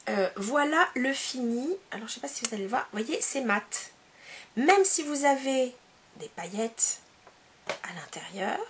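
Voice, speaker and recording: A woman's voice: high voice, slight background noise. A woman from France chatting casually in a beauty haul video at home, with many hesitations. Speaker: beauty vlogger.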